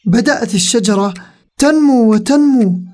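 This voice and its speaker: A woman narrating a children's story in an expressive, animated reading. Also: fairly high pitch, moderate pace, soft background music.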